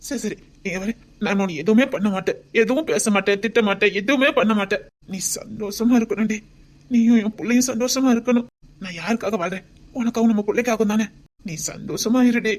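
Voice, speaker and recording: Doting young husband voiced by a woman, Tirunelveli Tamil accent, hushed and tender, pleading, raised voice. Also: fairly high pitch, brisk, lightly acted. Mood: earnest. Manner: tender, pleading, often near a whisper. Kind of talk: homemade web drama.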